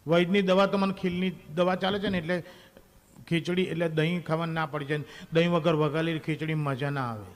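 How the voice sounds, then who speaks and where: High-voiced man doing stand-up. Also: steady tone, fairly quick. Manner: chatty, addresses the audience directly. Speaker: stand-up comedian. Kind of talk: stand-up comedy monologue.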